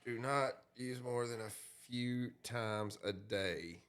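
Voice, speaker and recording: A man with a Southern accent, hosting a casual chat, loud and swearing. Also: mid-range voice, slow pace. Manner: loud, swearing, laughing outbursts. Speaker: host.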